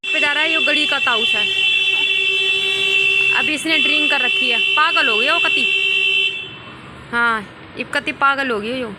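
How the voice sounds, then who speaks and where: A woman with a voice that sits high talks a little slowly, leaving long pauses, as she films a lighthearted comedy vlog outside. She teases and laughs frequently under a dusty sun, with noise in the background.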